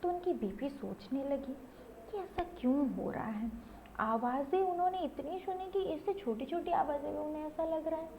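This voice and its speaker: A high-pitched, mellow-toned woman narrates a children's story in a relaxed, chatty way. She keeps asking herself what happened next and checking in with her listeners. A faint hiss of noise sits behind her voice. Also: normal speed, poor audio. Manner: chatty, asks herself questions, adds "thik hai".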